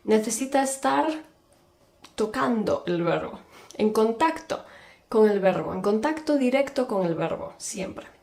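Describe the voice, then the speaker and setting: Slow, clear woman teaching grammar. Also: on the high side, animated, a little mellow. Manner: repeats and spells out examples slowly. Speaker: Spanish teacher. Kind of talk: slow, clear language lesson.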